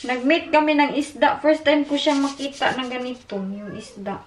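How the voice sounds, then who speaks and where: A woman's voice: high-pitched, moderate pace, a little hiss or hum. A woman, originally from the Philippines, chatting exasperated in a casual cooking vlog from her home kitchen. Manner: chatty, code-switching, exasperated. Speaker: mother and family vlogger. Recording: echoey kitchen.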